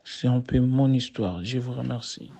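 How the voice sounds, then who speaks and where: A man's voice: medium pitch, moderate pace, gravelly, mellow, breathy edge. A man with a Congolese accent giving a personal testimony as a guest speaker. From Democratic Republic of Congo. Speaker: guest speaker telling his story.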